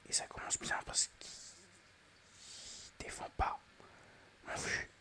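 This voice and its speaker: Slowly and in a whisper, a man narrates his mobile gameplay ASMR-style, staying chatty and excitable as he speaks to his viewers.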